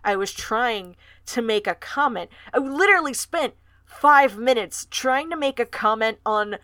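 Woman co-host for a casual book podcast, higher pitch, dry recording, chatty recapper. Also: animated, unhurried, fairly bright tone, no room sound.

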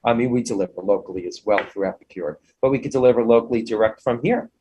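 A man's voice: fairly low pitch, fast, mellow, breathy edge, dull audio. A man speaking as an interview guest about his own business in an enthusiastic, effusive, conversational way.

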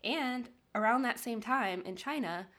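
A woman's voice: fairly high pitch, measured pace, sharp tone. A woman co-hosting a casual podcast, reading out history notes in a chatty way and laughing often. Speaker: podcast co-host.

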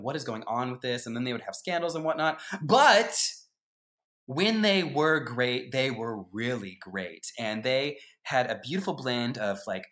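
A man's voice: medium pitch, fairly bright tone. A man co-hosting a podcast in casual chat, giving his opinions with emphatic swings. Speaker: podcast co-host.

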